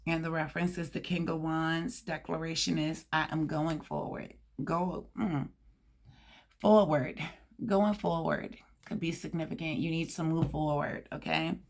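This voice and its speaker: A woman with a hoarse, scratchy voice giving a tarot card reading, reading out card meanings and chatting casually to her viewers. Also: sits low, steady tone, measured pace. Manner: reads card meanings aloud with chatty asides. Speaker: tarot reader.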